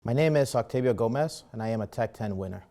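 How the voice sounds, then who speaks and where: A man's voice: mid-range voice, fast, dark tone. A man from the Dominican Republic working in IT, speaking hesitantly with many fillers in an award testimonial. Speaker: IT professional.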